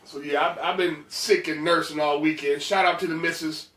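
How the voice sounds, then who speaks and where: A man's voice: on the high side, steady tone, moderate pace, a bit bright, reverberant, distant mic. A man hosting a casual podcast chat, laid-back and joking, fighting a winter cold that makes him sound a bit nasal. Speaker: podcast host.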